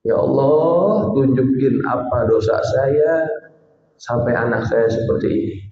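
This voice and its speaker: A grieving father, as a preacher acts him out, prays in anguish in a roomy, slightly dull hall, drawing out his words slowly. The voice stays at an ordinary man's pitch and pleads for answers. It sounds like a sermon story told aloud. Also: fairly even intonation, a crowd in the background, close to an everyday voice. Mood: imploring. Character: heartbroken middle-aged father praying in tears.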